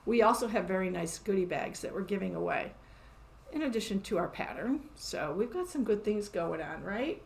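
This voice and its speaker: A woman's voice: mid-range voice, expressive, normal speed, gravelly. A woman hosting a casual live show-and-tell from her quilt shop, chatty and upbeat, laughing often.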